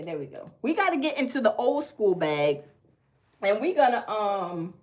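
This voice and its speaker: A woman from the American South with a Southern accent, hosting a casual livestream, chatting folksily with viewers and reading their comments aloud. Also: mid-range voice. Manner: chatty, folksy, repeats herself. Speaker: livestream host.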